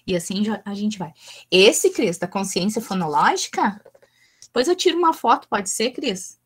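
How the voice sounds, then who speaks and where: A woman's voice: medium pitch, expressive, normal speed, slightly rough. A woman, an early childhood educator giving a chatty teacher-training lesson. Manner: chatty, asks the group for go-ahead.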